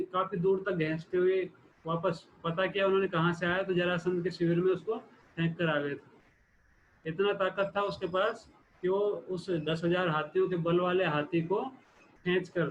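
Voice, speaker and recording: A man giving a sermon, retelling a scripture story in a steady explanatory way with frequent restarts. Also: high voice. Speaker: preacher. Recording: phone-like lo-fi recording with faint hiss.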